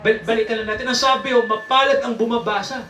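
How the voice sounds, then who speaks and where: A man's voice: very high-pitched, fairly even intonation, fast, pushed and bright, slight background noise. A man preaching in a church, teaching from the Bible and quizzing his congregation with frequent tag questions and chuckles. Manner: chuckles often while teaching. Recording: echoey room, mic at a distance.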